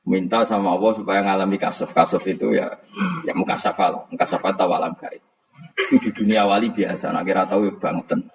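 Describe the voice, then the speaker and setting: A man's voice: sits low, steady tone, fast talker, gravelly. A man giving a religious lecture, humorous and chuckling, often quizzing his audience. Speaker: Islamic preacher.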